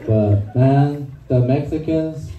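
A man's voice: mid-range voice, slow pace. A young man from Korea doing a stand-up set on a small club stage with a handheld mic, hesitant and full of ums, recorded from the audience. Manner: hesitant, lots of ums and uhs. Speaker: stand-up comedian. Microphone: handheld mic, filmed from the audience. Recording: muffled, distant, echoey club from the crowd. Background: audience laughter and room ambience.

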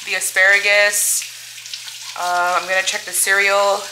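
An American woman talks casually to her viewers, thinking aloud with plenty of fillers and a tired edge. Household noise runs clearly behind her voice. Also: medium pitch, flat delivery, unhurried. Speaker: vlogger. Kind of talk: casual chat.

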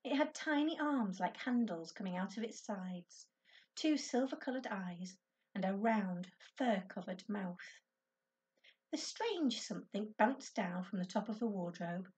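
A woman teacher reading a children's book aloud to her class, with clear, expressive storytelling. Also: medium pitch, recorded from a distance.

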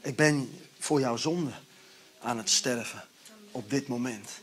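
A calm, forgiving figure speaks softly and earnestly, as a preacher quotes him in a sermon. The voice stays low and hushed. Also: male voice, slow pace, husky. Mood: gentle. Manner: gentle, quiet, earnest. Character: calm forgiving Jesus, grown man.

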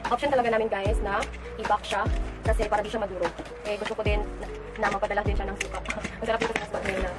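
A woman's voice: medium pitch, very fast, loud music behind the voice. A woman with a Filipino accent, gushing through a casual unboxing vlog in her bedroom and mixing English with Tagalog. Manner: gushing, excitable exclamations. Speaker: vlogger.

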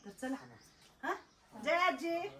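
A woman, a caretaker at an old age home, gently coaxing and calming residents in casual talk, often repeating herself. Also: extremely high pitch, slow, a little hiss or hum. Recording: echoey room.

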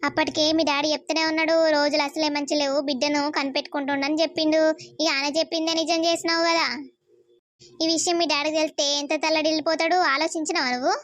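Doing cartoon voice acting, a woman plays an angry middle-aged village mother scolding her daughter. Her voice is high and a bit bright with a flat delivery, and she sounds rapid, reproachful and scolding.

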